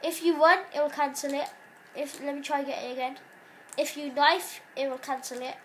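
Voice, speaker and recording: Recording in a dark room with her phone aimed at the TV, a sick woman hosts a gaming channel, chatting in a casual, meandering way about the game. She is nasal and stops to cough. Her high voice keeps a level tone at a fairly quick clip, with a little hiss or hum.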